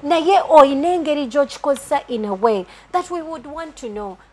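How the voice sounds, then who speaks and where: A young Ugandan woman with a Ugandan accent, hosting a TV studio interview, animated and switching between Luganda and English. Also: sits high, a little fast. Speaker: TV show host.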